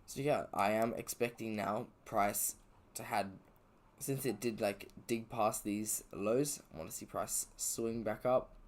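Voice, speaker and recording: A man with a fairly low voice talks through his trading chart live from home. He thinks out loud, loose and unhurried, with fillers and self-corrections. He sounds a little sleepy. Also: steady tone. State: sleepy, yawning. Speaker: trader streaming his session. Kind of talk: casual live trading commentary. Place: indoors at home.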